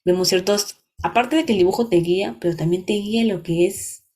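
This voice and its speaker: A woman's voice: mid-range voice, a little fast, mellow. A young adult woman with a Peruvian Spanish accent, leading a workshop lecture. She explains step by step and often checks that listeners are following. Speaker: workshop instructor.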